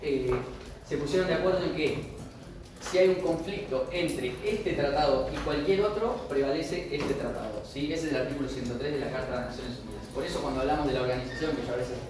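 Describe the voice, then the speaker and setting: A man's voice: medium pitch, a little fast. A man with an Argentine accent giving a university law lecture, explaining step by step and often checking in with his class. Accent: Argentine Spanish. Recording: echoey room, far from the mic, with noise.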